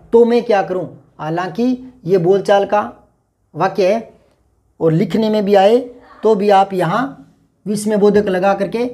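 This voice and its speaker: A man teaching a grammar lesson in a chatty way, explaining slowly and going over each example again and again. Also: high voice, darkish tone.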